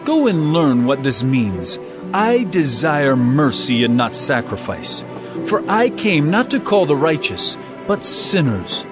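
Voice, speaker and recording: An actor playing Jesus in a dramatized audio Bible, a compassionate teacher speaking earnestly and with authority. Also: male voice, fairly high pitch, sing-song, slow pace. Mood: earnest, teaching. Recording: music behind the voice. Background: background music.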